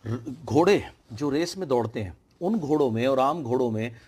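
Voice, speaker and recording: A man's voice: mid-range voice, lively intonation, moderate pace, a little mellow, slightly rough. A man telling a fable as a motivational speaker, emphatic, mixing English phrases into his talk. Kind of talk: motivational storytelling.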